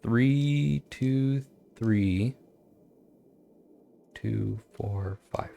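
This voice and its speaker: A man streaming a game, chatting and reading old-style text aloud in a halting, stumbling way, laughing at himself. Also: medium pitch, gravelly, dark tone. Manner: self-mocking, laughs often. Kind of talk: let's-play commentary with reading aloud.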